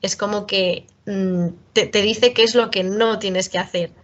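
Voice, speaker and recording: A woman's voice: mid-range voice, fairly even intonation, unhurried, highs cut off. A woman gives a university talk as a writer, speaking conversationally with frequent rhetorical tag questions and self-corrections. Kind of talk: lecture.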